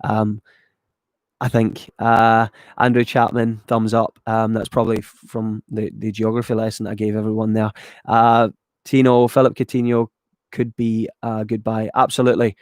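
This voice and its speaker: In a lowish monotone at normal speed, a YouTuber from west of Glasgow, Scotland, reads out his viewers' chat questions and answers them loosely, with many ums and casual swearing. It's a dry recording with clean studio sound.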